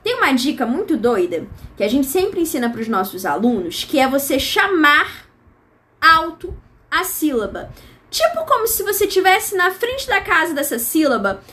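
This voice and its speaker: A woman's voice: high voice, big pitch swings, moderate pace, bright, forceful tone. A Brazilian woman teacher giving an online grammar lesson in a chatty style, with asides and imagined student questions. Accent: Brazilian Portuguese.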